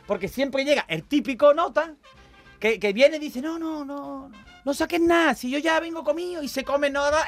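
High-voiced joking man. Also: fairly bright tone. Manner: clowning storyteller, bursts into flamenco singing. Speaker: radio show regular. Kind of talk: joking radio chat with singing.

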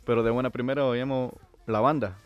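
A man in his twenties from the United States, a guest chatting casually, relaxed, with small slips in his Spanish. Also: mid-range voice, brisk, clean tone, dull audio. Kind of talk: casual chat.

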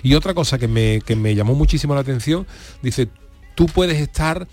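A man's voice: medium pitch, lively intonation, moderate pace, darkish tone, faint music behind. A man chats casually on a radio show. He tells his stories in a rambling way, circling back and restarting as he goes. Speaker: radio co-host. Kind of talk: casual chat, telling anecdotes.

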